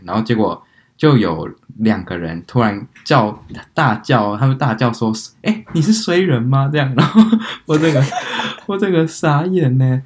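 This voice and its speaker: A young man co-hosting a podcast, telling stories in a casual, animated way and acting out what people said. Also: fairly low pitch. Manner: animated storytelling, acts out quotes. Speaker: podcast co-host. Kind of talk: casual chat.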